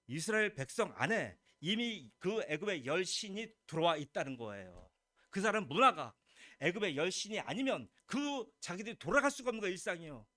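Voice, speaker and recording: A man's voice: fairly high pitch, bright, forceful tone, no room sound, studio quality. A man, a pastor, preaching a Sunday sermon with emphatic questions to the congregation and lines acted out as God's words. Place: church sanctuary.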